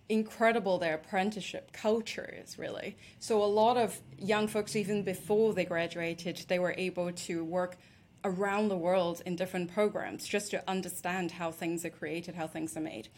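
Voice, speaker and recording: A woman from Hong Kong hosting a business interview, conversational and repeating small words as she starts her points. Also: lowish voice. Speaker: host.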